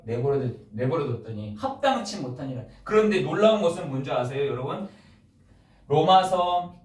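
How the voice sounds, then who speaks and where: A man's voice: on the high side, darkish tone. A male pastor preaching a sermon in a church, firing off rhetorical questions and stressing his points. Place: church sanctuary. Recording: echoey church, mic at a distance.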